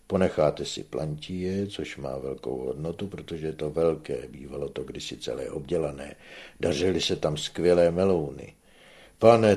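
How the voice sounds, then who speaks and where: A man's voice: low voice, darkish tone, breathy edge, heavily acted. A man voicing a shrewd, authoritative old peasant with a familiar, persuasive manner, in a read storybook.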